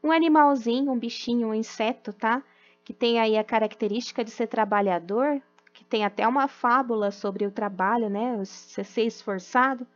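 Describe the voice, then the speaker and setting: A woman's voice: fairly high pitch, lo-fi sound. A young woman teacher with a Brazilian Portuguese accent, patiently explaining a lesson to children and often checking "tá?". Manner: patient, explains slowly, ends phrases with "tá?". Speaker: primary school teacher. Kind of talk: remote class lesson.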